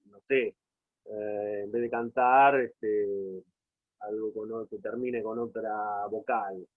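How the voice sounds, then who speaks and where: A man with an Argentine accent giving a university lecture over a video call, explaining at length and often checking in with his students. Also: mid-range voice. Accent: Argentine Spanish. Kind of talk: online class lecture. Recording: tinny phone-like call audio.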